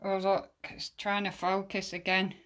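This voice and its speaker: Bright-voiced woman hunting ghosts at home. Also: medium pitch, flat delivery, measured pace. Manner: chatty, calls out loudly to spirits. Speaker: amateur ghost hunter. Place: stairs and landing of her house, indoors. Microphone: handheld phone.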